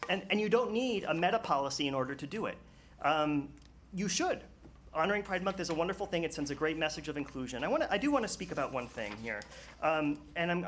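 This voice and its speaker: A man speaks at a town commission meeting, earnest and a little nervous. His voice sits at an ordinary pitch, with many ums and restarts, over faint room noise. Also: fairly bright tone. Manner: earnest, halting with many fillers. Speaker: public commenter. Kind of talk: public comment at a town meeting.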